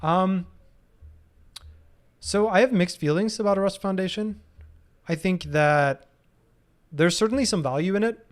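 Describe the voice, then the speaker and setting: A man's voice: sits high, a little slow, long pauses. A man in his thirties answering viewer questions casually in a live stream, thinking aloud with frequent ums and restarts. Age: 30s.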